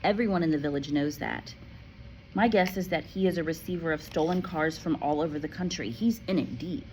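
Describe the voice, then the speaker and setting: Woman doing a gentle, kindly teacher. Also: sits low, a little hiss or hum, lightly acted, poor audio. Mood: gentle calm. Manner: quiet, calm and measured.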